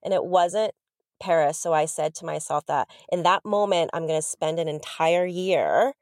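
Woman in her 30s on a podcast, kinda low voice, dry close sound, really chatty storyteller. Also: moderate pace, darkish tone, dry recording. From Southern California. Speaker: podcast guest. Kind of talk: casual interview storytelling.

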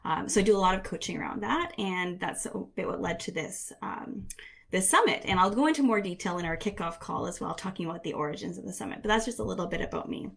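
A woman's voice: mid-range voice, creaky. A middle-aged woman hosting a live online coaching session, chatting casually and often breaking off to rephrase herself. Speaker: career and leadership coach, summit host.

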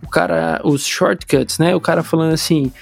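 A Brazilian man with a Brazilian accent in casual podcast chat, telling stories in a slangy, animated way. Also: fairly high pitch, normal speed, creaky, faint music behind.

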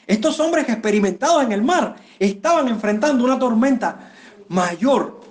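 A pastor preaching a sermon, speaking straight to his listeners and swinging his voice up and down for emphasis. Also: moderate pace. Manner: expressive preaching, pitch rising and falling for emphasis; addresses listeners directly.

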